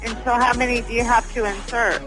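A woman's voice: a little high, steady tone, fast, music in the background, poor audio. A woman in a casual phone conversation, answering a caller. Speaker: prank call recipient.

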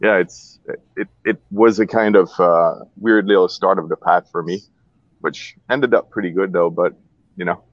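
In a radio studio, a low-pitched man in his thirties from Switzerland, a cigar maker, speaks at normal speed in a relaxed, candid interview, with plenty of fillers and false starts. There's no room sound, and the audio is lo-fi.

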